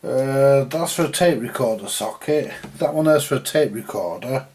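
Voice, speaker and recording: A British vintage radio repairer presents a video, giving casual, colloquial commentary as he works hands-on, thinking aloud and muttering with a mild grumble. His voice is medium-pitched, a little mellow, at a moderate pace.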